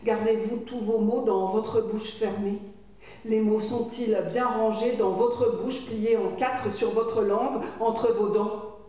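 A woman recites poetry in a slow, measured, incantatory way, posing question after question. Her voice is mellow and somewhat high. She sounds set back from the mic in a very reverberant room. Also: fairly even intonation. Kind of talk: spoken-word poetry recitation. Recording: very echoey room, voice from far off.

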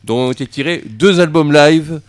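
A man's voice: fairly high pitch, moderate pace, clear, resonant tone, no echo. A man from hosting a rock radio show, talking casually with many hesitations and restarts. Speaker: radio host.

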